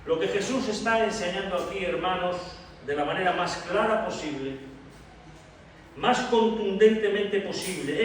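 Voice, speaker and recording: A man from preaching an expository sermon to a congregation, emphatic and slowing down to stress key phrases, calling them brothers. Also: sits high. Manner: addresses the congregation directly as brothers. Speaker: pastor. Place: church hall. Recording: echoey hall from far off, faint noise.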